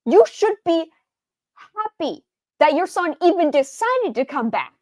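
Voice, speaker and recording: High-voiced ranting woman streamer. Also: sing-song, measured pace, darkish tone, no room sound. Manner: exasperated, ranting, swears freely. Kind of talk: game reaction commentary.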